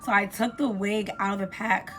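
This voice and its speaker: A woman vlogger, hoarse from a cold, giving an informal, gushing product review to camera. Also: medium pitch, fairly even intonation, normal speed, a bit bright, a little hiss or hum. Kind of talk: casual chatty review to camera.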